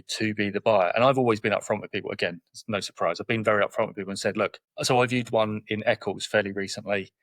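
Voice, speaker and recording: A property investor in his forties, with a southern English accent, guests on a podcast interview. He speaks quickly and plainly in a low-ish, fairly bright voice, telling anecdotes and acting out the dialogue in them. The sound is close and dry.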